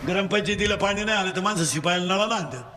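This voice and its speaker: A Marathi-accented man delivering a comic kirtan sermon in a very high voice. He works the crowd in quick call-and-response and scolds the schoolboys with playful mockery. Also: bright, forceful tone. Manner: rapid call-and-response, drilling the crowd to answer. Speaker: kirtan preacher.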